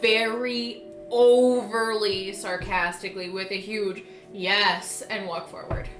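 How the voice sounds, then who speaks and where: A woman's voice: mid-range voice, level tone, takes it slowly, a bit bright, far from the mic. A woman playing in a tabletop game, cheerfully describing what her character does. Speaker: player. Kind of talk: tabletop role-play chat. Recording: roomy sound with music behind.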